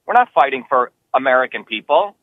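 A man raised in New Jersey answers interview questions as a political candidate, speaking emphatically and insistently, his pitch rising when heated. His voice is expressive and a little fast, in a dry, phone-quality recording.

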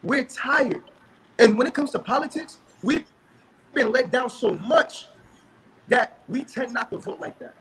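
A young man speaking over a crackling phone line, earnest and building to forceful emphasis as he calls in. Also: very high voice, expressive, a little slow. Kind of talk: passionate call-in speech.

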